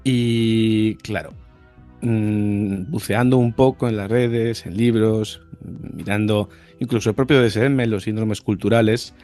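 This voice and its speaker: Male psychologist guest, lowish voice, conversational explainer, faint music bed. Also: fairly even intonation, slow pace, dark tone. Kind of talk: casual explanatory interview talk.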